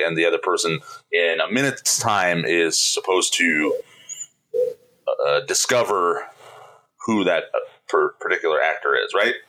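A man's voice: deep voice, pushed and bright, rough recording. A man co-hosting a podcast in casual chat, playful and laughing often as he quizzes his co-host.

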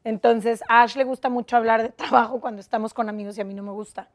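A young Mexican woman, her voice a little on the high side, tells a story in a casual chat. She is blunt and matter-of-fact, never raising her voice. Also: steady tone, fast. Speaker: podcast co-host, guest.

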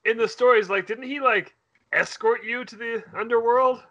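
A man's voice: very high voice, moderate pace, bright, forceful tone, dull audio. A man in casual chat, playful, asking questions and joking with friends. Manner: playful, asks questions and jokes.

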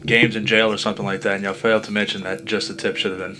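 A man's voice: lowish voice, flat delivery, very fast, bright, forceful tone, faint music behind. A man chatting casually and jokingly on a talk show. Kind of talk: casual comedic banter.

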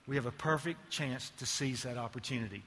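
A man's voice: mid-range voice, a little fast, a bit bright, long reverb tail. A male ad agency executive giving a conference keynote, full of joking, self-mocking asides.

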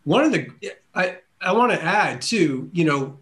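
A man's voice: fairly high pitch, very animated, a little slow, a bit bright. A man hosting a podcast interview, talking in an enthusiastic, casual way and often repeating words as he goes. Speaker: podcast host.

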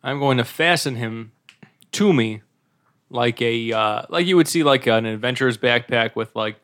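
Halting man playing a tabletop game. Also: mid-range voice, a bit bright. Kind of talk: casual in-game chat.

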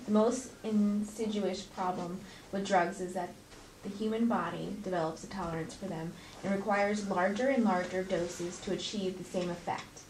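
A woman at a seminar reading a passage aloud, slow and careful. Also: mid-range voice, steady tone, darkish tone, far from the mic. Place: large seminar room. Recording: echoey room from afar, faint noise.

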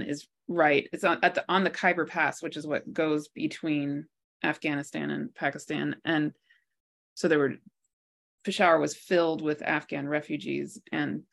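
Low-voiced woman in her forties. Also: fairly bright tone. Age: 40s. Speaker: guest, author and healer. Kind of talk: interview.

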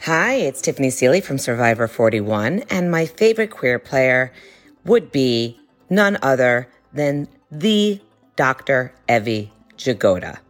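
A woman with an unusually deep, lively voice leaves a teasing voicemail. She stresses her pick with playful emphasis. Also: a little slow, faint music behind. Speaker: caller leaving a voicemail.

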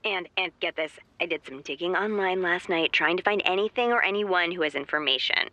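A woman's voice: lowish voice, a little fast, sharp tone, dry recording, highs cut off. A woman playing an eager, chatty amateur investigator in naturalistic audio drama dialogue, emphatic and conversational. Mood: eager, intrigued.

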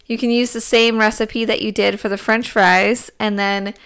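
A woman's voice: mid-range voice, flat delivery, normal speed, a bit bright, smooth. A woman co-hosting a podcast in casual chat, rambling a little with fillers. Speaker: podcast co-host.

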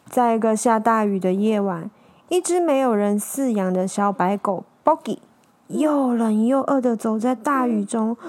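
A woman telling a children's story, animated and asking her young listeners to join in. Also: a little high.

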